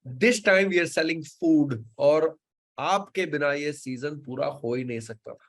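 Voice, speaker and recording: Gravelly Indian man hosting with fillers. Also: a little high, normal speed, low-quality recording. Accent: Indian English. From Mumbai, India. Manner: filler-heavy, repeats words in threes. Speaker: host. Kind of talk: live show, casual chat.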